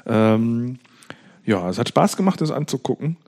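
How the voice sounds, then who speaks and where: A man's voice: mid-range voice, very animated, normal speed, a little mellow. A man co-hosting a casual podcast, rambling and restarting sentences in a nostalgic, chatty way. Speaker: podcast co-host. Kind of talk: casual chat.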